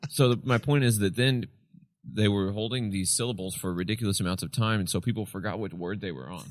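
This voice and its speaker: A man with a very deep, tired voice talks through an explanation in a relaxed podcast chat. The sound is dry and close, with no room echo. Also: a little fast. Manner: explains at length, sings snippets of chant to illustrate. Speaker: podcast co-host. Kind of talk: casual chat.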